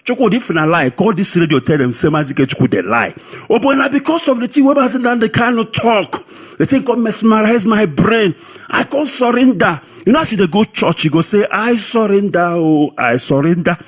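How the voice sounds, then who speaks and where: A man with a high, husky voice and a Nigerian Pidgin accent tells his own story in a lively, sing-song rhythm. He comes through radio broadcast audio. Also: a little fast. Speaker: radio caller. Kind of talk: personal testimony.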